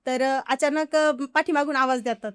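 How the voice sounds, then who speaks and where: A woman's voice: sits high, moderate pace, no echo, clean studio sound. A woman, telling stories as an interview guest and acting out the lines of the people she quotes. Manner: animated, acts out others' quoted lines. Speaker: farmer vlogger guest. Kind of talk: casual podcast interview storytelling.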